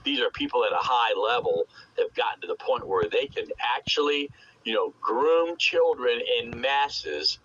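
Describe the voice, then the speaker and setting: A man's voice: mid-range voice, moderate pace, fairly bright tone, husky. A man chatting casually over CB radio, opinionated and emphatic, rambling along with coarse swearing. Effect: CB radio transmission. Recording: muffled noisy CB radio transmission.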